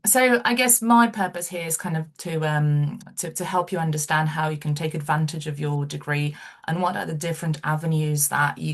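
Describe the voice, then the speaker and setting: A middle-aged woman from Romania gives a recruiting webinar talk over a video call. Her voice sits low, and she pauses often with ums as she goes. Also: vocal fry. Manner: hesitant, many ums. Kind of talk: webinar presentation.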